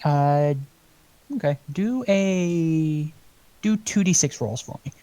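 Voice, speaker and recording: A man running a tabletop game as game master over voice chat, in a relaxed, offhand way. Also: on the high side, takes it slowly, no echo.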